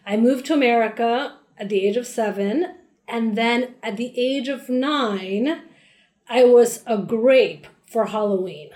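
A woman's voice: on the high side, unhurried, reverberant. A woman from Peru, a spirits brand founder, chatting animatedly as an interview guest with plenty of fillers. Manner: animated, playful, many fillers. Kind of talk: casual interview chat.

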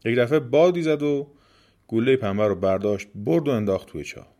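A man narrating a folk tale in a lively, colloquial way. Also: medium pitch. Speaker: storyteller.

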